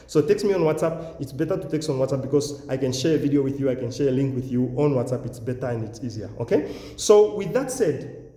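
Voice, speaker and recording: A man with a Namibian accent speaks in a mellow, slightly raised voice. He sounds boastful and sure of himself as he makes an informal pitch to viewers, often repeating himself for emphasis. The room around him is echoey. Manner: boastful, self-assured, repeats phrases for emphasis. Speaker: YouTube channel host, education agent and English test coach. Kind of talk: informal promotional talk to viewers.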